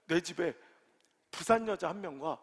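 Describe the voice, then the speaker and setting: A middle-aged male senior pastor preaching an animated storytelling sermon in a large church sanctuary, swinging from loud, excited exclamations to quiet, low confiding. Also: moderate pace, husky. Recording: long hall reverb.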